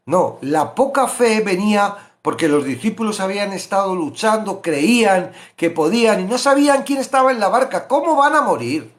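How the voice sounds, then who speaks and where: Animated man preaching. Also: high-pitched, moderate pace, hardly any pauses. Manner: animated, rhetorical questions, acts out quoted voices. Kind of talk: sermon-style Bible reflection.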